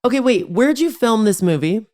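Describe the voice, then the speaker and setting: A man's voice: sits high, animated, moderate pace, darkish tone. A man from Los Angeles hosting a casual interview over a video call, talking in a chatty, jokey, rambling way. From Los Angeles, United States. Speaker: host.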